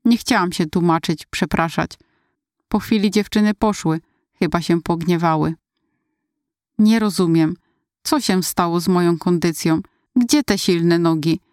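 A woman narrating a first-person story in a steady, inward-looking retelling. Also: on the low side, measured pace, pauses often, smooth, dry recording, clean studio sound.

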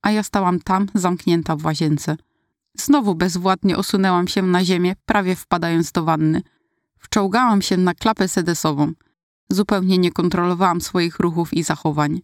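A woman reading her own childhood story aloud, in steady, even narration. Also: lowish voice, moderate pace, dry recording, studio quality. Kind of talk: read-aloud personal story.

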